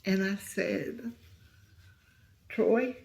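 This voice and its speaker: A middle-aged woman telling a painful story as an interview guest, speaking softly and sometimes near a whisper. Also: medium pitch, very slow, gravelly. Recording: roomy echo.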